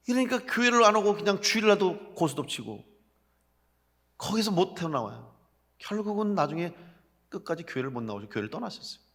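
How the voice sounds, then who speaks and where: A male pastor preaching a sermon to his congregation, asking rhetorical questions and swinging between loud emphatic calls and soft low asides. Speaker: senior pastor. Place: church sanctuary. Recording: long church hall reverb.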